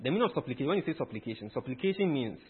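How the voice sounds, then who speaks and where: A man's voice: medium pitch, very animated, rapid-fire, breathy edge. A man preaching a teaching sermon, emphatic and quizzing his listeners with questions. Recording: tinny phone-like sound.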